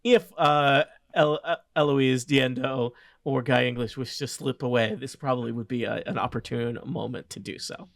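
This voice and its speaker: Male game master, improvised tabletop narration, halting delivery, mid-range pitch, dry close sound. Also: fairly even intonation, creaky, no room sound.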